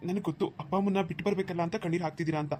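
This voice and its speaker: A woman's voice: lowish voice, fairly even intonation, racing, noisy background, pitched below the performer's own voice, natural voice. A woman voicing a balding older male groom in a cartoon, eager and smug, with boastful promises. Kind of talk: cartoon voice acting.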